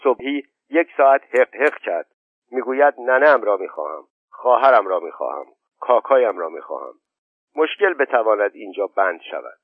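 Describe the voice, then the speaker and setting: A man's voice: fairly low pitch, big pitch swings, slightly rough, dry recording. A man voicing a humble, deferential male servant who chatters apologetically. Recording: tinny narrow-band, dry.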